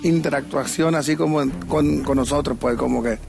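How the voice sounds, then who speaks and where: A man's voice: a little high, a little fast, creaky. A male judge on a talent show giving casual, slangy feedback. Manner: slangy, relaxed. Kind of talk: casual judging banter. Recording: music playing underneath.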